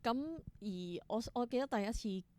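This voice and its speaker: Her mid-range voice is a little mellow, clear and resonant, moving at a moderate pace. She is a woman with a Hong Kong Cantonese accent, a theatre performer and creator, casually telling stories as an interview guest and acting out bits of dialogue.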